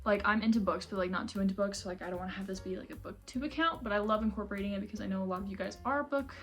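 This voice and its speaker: A young American woman talks in a casual vlog style at an ordinary female pitch. She rambles, pokes fun at herself and leans on filler words like a friend hanging out. Music plays behind her voice. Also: racing. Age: young adult. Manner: rambling, self-deprecating, giggly, peppered with 'like'. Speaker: vlogger. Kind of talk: casual chatty vlog while organizing books. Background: background music.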